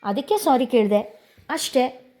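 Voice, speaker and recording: A woman's voice: sits high, animated, measured pace, dark tone, pitched above the performer's own voice. A woman doing a curt proud young woman.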